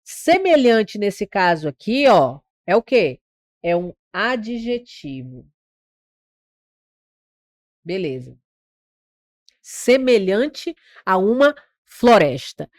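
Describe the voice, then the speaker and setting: A woman's voice: medium pitch, very animated, drawn-out words, long pauses, dry recording, studio quality. A Brazilian woman teaching an online grammar lesson for exam prep. She explains step by step, asks rhetorical questions and drags out words to show which syllable is stressed. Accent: Brazilian Portuguese.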